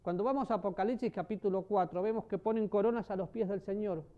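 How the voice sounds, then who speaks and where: A man preaching a sermon, asking the congregation questions and swinging between loud emphasis and soft, low passages. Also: quick pace. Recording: dull lo-fi sermon recording.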